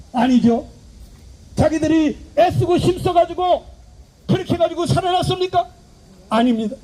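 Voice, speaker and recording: Man, pastor, very high voice, emphatic street sermon, rhetorical questions. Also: warm tone, slight background noise. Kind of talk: outdoor evangelistic sermon. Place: outdoor public park.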